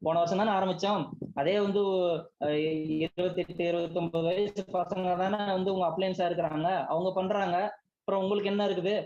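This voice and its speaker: A man's voice: high-pitched, steady tone, a little mellow. A man, a business team leader giving a motivational sales pep talk, scolding his listeners and checking in with rhetorical questions. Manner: rapid, scolding, full of rhetorical check-ins. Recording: slightly dull lo-fi recording.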